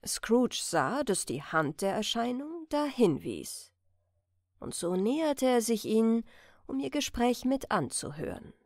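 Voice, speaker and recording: A woman reading a bedtime audiobook in a calm, measured narration. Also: a little high, no room sound, studio quality. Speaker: audiobook reader.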